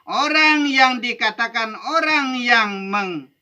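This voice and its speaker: A man's voice: very high-pitched, takes it slowly, sharp tone. A man from Indonesia teaching Sufi mysticism in a rhythmic, emphatic way, often ending points with "begitu". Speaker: religious teacher.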